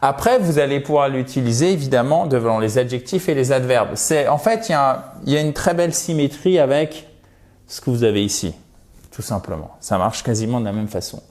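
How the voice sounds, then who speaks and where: A man with a French accent giving an online English lesson, explaining grammar in a lively teaching manner and slowing down to model example phrases. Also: mid-range voice.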